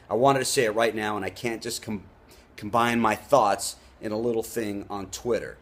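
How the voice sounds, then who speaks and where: A man who hosts a show, delivering an off-the-cuff opinion rant in an emphatic, indignant way, leaning hard on key words. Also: mid-range voice. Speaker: show host.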